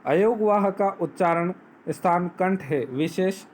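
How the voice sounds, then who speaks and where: Male teacher with a high, unhurried voice who poses questions and answers them himself; faint background noise. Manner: explains step by step, asks and answers own questions; recites Sanskrit sutras slowly. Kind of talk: Hindi grammar lesson on phonetics.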